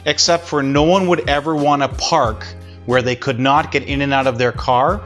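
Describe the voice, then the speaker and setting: A man's voice: medium pitch, steady tone, moderate pace, fairly bright tone, faint music behind. A man giving casual, sarcastic commentary as a vlogger, wisecracking about car commercials.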